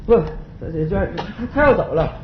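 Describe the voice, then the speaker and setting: A man's voice: fairly high pitch, sing-song, background noise. A man playing a cocky, teasing rich farmer businessman in a stage comedy sketch. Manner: teasing, quick banter. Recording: echoey stage, slightly dull sound.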